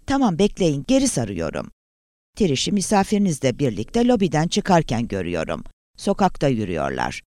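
A man's voice: fairly high pitch, wildly swooping pitch, moderate pace, a little mellow, no echo, studio quality. A man voicing a reluctant male security guard who reports what he sees step by step. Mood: matter-of-fact. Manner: matter-of-fact, reporting step by step.

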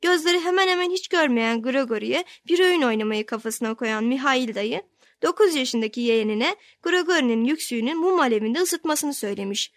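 A woman narrating a novel in the first person, reading with steady storytelling. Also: sits high, brisk, no echo, clean studio sound. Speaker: audiobook narrator.

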